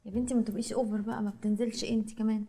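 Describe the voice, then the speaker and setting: An actress playing a gravely ill young woman who softly reassures the people around her. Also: a little high, flat delivery, rapid-fire. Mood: weary. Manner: soft, reassuring, weary. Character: sick young woman, gentle and brave. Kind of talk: TV drama acting.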